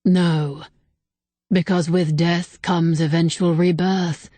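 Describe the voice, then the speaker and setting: A woman voicing an ancient male temple spirit who speaks calmly and with regret, in an audiobook reading. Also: lowish voice, no echo. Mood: calm regretful. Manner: calm, regretful, unhurried. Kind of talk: audiobook character voice.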